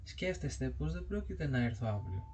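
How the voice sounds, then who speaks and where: A man voicing an impatient young female artist's model in a Greek audiobook ghost story, speaking briskly and insistently. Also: medium pitch, big pitch swings, a little mellow, highs cut off, slight background noise.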